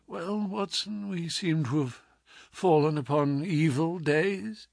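A man doing a croaking, feverish sick detective. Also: high-pitched, sing-song, a little slow, dry recording, studio quality, pitched above the performer's own voice, exaggerated voice. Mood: feeble. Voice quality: croaking, feeble. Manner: sharp, commanding. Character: gravely ill male detective, imperious and feverish.

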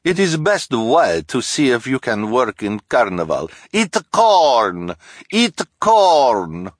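A man's voice: medium pitch, very animated, slow, no echo, clean studio sound, pitched above the performer's own voice. A man voicing a sly foreign woman fortune-teller who speaks broken English, in an audiobook. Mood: urging. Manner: broken English, drops articles.

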